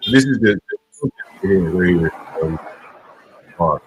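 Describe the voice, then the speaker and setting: A man's voice: low voice, animated, slow pace, noisy background. A man chatting casually online whose mic sounds muffled, as if heard through a wall. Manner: loose, joking, laughs often. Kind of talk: casual chat. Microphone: headset or desk mic cutting in and out. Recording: muffled, dull online call audio.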